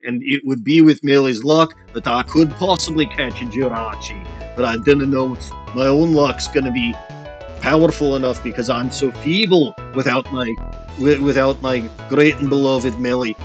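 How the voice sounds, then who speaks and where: A man whose voice comes through a voice changer that drags it lower. He rambles in a jokey mock-pirate manner. Soft music plays quietly behind him. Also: moderate pace, highs cut off. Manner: playful mock-pirate talk with "aye" and "lad". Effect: voice changer shifting the voice deeper. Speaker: streamer. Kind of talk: rambling livestream commentary.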